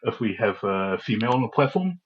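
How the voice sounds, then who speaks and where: This fairly quick, fairly low-pitched male voice with a breathy edge belongs to a young New Zealander guesting on a podcast. He's an animated storyteller who acts out the lines people said. The recording has its highs cut off.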